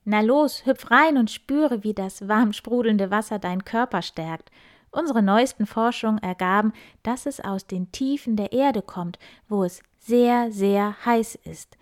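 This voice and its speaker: A woman voicing a proud male wild boar innkeeper in a children's story, loud and squealing. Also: mid-range voice, unhurried, no room sound, clean studio sound, natural voice.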